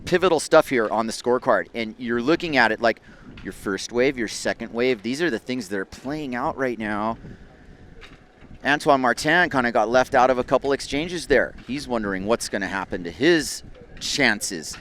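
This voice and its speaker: A man's voice: mid-range voice, animated, moderate pace, fairly bright tone, a little hiss or hum. A man giving live surf competition commentary in a laid-back, conversational surfer-announcer way.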